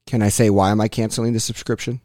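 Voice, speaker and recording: A man calling customer service, speaking firmly and tersely with deliberate wording. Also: fairly low pitch, little pitch movement, darkish tone, no room sound, clean studio sound. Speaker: customer caller. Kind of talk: phone call to customer service.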